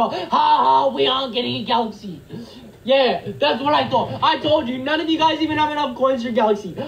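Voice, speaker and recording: Frantic high-voiced young streamer guy. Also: poor audio. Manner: frantic, pleading, repeats himself. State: nervous, shaky hands. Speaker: livestreamer. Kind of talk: comedic livestream skit.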